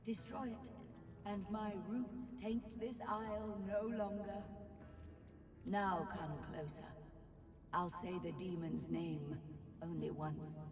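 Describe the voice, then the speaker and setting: A woman voicing a suffering undead tree spirit in a video game, with an unearthly, ghostly voice and slow, haunted, solemn delivery. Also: medium pitch, steady tone, natural voice. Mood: solemn, urgent. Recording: cavernous reverb, distant, music behind.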